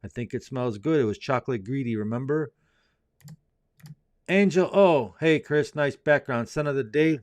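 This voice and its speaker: A relaxed man hosts a casual live chat and reads out viewer questions one after another. He rambles easily from one point to the next in a mid-pitched voice. The sound is dry and close, with no room echo. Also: normal speed. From Indianapolis, US. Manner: laid-back, chatty, rambling. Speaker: fragrance livestream host.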